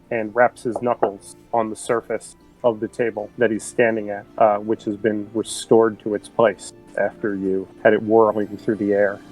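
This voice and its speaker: Man narrating a tabletop game. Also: medium pitch. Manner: narrates actions and voices characters in turn. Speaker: game master.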